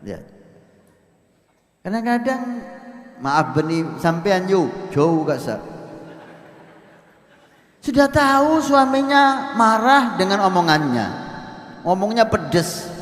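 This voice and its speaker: Male preacher, slow deliberate delivery, roomy reverberant sound. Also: high-pitched. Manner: lively storytelling, acting out the people in his stories. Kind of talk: Islamic sermon to a congregation. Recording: echoey hall, roomy PA sound.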